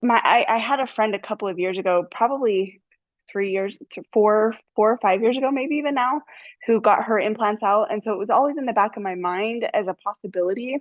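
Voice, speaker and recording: A woman's voice: medium pitch, brisk, no room sound, highs cut off. A woman host talks on a video call in a mid-range voice. She speaks openly and chattily, often checking in with "right?". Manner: open, chatty, tags sentences with "right?". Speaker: podcast host. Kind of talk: casual conversational interview.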